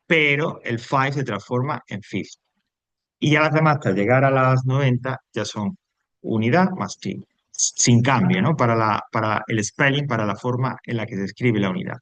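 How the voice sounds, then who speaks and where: A man gives a recorded lesson, walking his students through each point one step at a time. He sits at a medium pitch and often stops to check that they are following. The sound is dry and close, with no room echo. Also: unhurried, fairly bright tone. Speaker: English teacher.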